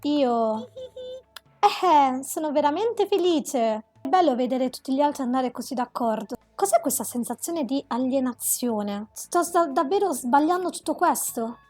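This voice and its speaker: A woman's voice: high-pitched, expressive, unhurried, darkish tone, soft background music. A woman commentating a video game, reading the dialogue aloud and ranting dramatically at the characters. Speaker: gameplay commentator.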